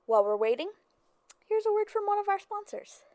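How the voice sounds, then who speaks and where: A woman playing a small-town call-in radio host, with a smooth, breezy, chatty radio-host delivery. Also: very high-pitched, sing-song, fairly quick, a little mellow, dry recording. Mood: chipper.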